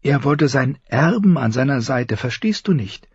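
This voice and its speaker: A man's voice: medium pitch, lively intonation, moderate pace, breathy edge, no room sound, pitched above the performer's own voice. A man voicing an earnest, anxious young man who eagerly explains and pleads in an audiobook. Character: earnest, anxious plump young male friend. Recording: slightly dull recording.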